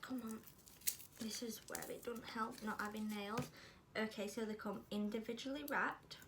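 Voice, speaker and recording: With a fairly high, steady voice at normal speed, a UK vlogger with a British accent samples snacks and chats casually. She eats while she talks and teases herself, with background noise in the recording.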